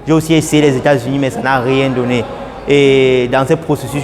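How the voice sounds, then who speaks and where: A young man giving an earnest, casual testimonial at an airport, repeating his phrases and getting animated. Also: medium pitch. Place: airport, indoors.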